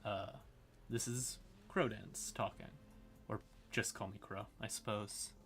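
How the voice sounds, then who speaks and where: A man hosts a livestream, explaining things in a folksy, rambling way, throwing in y'all and howdy and muttering asides to himself. His voice is on the low side, steady and slow with vocal fry, and music plays quietly behind him.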